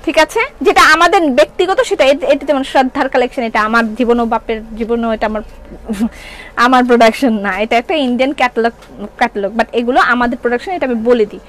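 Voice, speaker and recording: She talks fast in a slightly high, fairly bright voice over a rough recording. The middle-aged seller, with a Bangladeshi Bengali accent, runs a live-stream clothes sale and answers comments from viewers.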